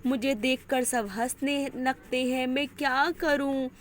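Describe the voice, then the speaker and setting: A feeble little pirate man who nobody fears, put on by a woman, plaintive and whiny. The voice sits high and moves slowly through each complaint. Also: steady tone. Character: scrawny, gentle male sea pirate.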